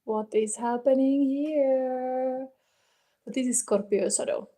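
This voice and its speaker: Reading tarot in a relaxed way on a live stream, a Finnish woman talks to her viewers in halting, non-native English with a Finnish accent, thinking aloud as she goes. Her voice sits high, mellow and steady in tone. A phone picks her up in a warm indoor room.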